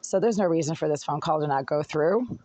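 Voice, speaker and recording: This agitated self-recorded complaint comes from a hoarse tenant speaking briskly in a mid-range, darkish voice. Aggrieved and rambling, he handles the phone he's holding while venting from inside his apartment.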